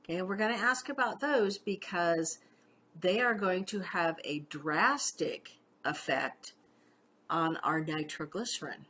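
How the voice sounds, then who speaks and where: Woman, middle-aged, paramedic educator; lowish pitch, conversational lecture with personal asides, light background noise. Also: animated, unhurried, sharp tone. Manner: chatty, uses "okay?" checks and personal stories. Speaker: paramedic instructor. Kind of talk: casual teaching lecture.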